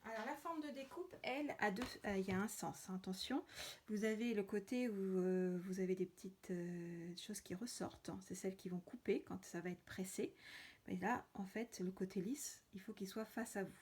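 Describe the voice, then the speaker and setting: Her voice is mid-range and a little mellow, moving at a moderate pace with a faint hiss or hum underneath. She's hosting a casual card-making tutorial, talking as she works and pausing often with fillers.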